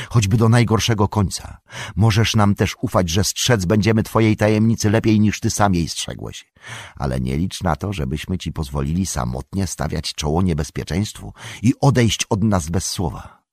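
A steadfast young hobbit friend, as a male narrator puts him on, earnest and reassuring. He speaks in a husky voice with a lively pitch in this storybook reading. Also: no room sound, clean studio sound, exaggerated voice. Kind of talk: audiobook character voice.

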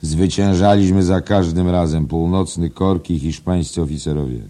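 A man voicing a loud, blustering older male newspaper editor in an audiobook, with a gruff, bellowing manner. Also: very deep voice, expressive, slow pace, exaggerated voice.

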